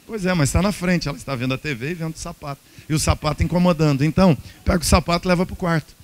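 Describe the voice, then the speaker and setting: A man's voice: fairly high pitch, very fast. A man with a Brazilian Portuguese accent, preaching a humorous sermon as pastor at a couples' retreat and acting out little dialogues. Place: church hall.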